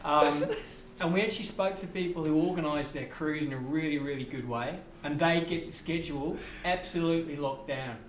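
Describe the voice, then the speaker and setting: A man's voice: fairly high pitch, fairly quick. A man from Reading, England, putting on a mock Australian accent and calling everyone mate while answering live-stream questions as a game developer. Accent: mock Australian, put on. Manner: hamming up a slangy Aussie act, calling everyone mate. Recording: roomy, faint background noise.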